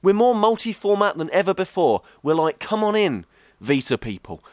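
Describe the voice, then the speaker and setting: A podcast host playing a goofy, excitable male ghost in a comedy sketch, wailing and rambling. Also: sits high, moderate pace, no echo, clean studio sound. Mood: giddy. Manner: giddy, wailing woos, rambling.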